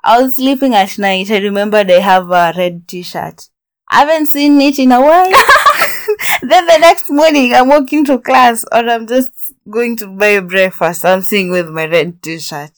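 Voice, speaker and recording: A woman co-hosting a casual podcast chat about friendship, talking in lively bursts, often laughing and restarting her sentences. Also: fairly high pitch, unhurried. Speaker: podcast co-host.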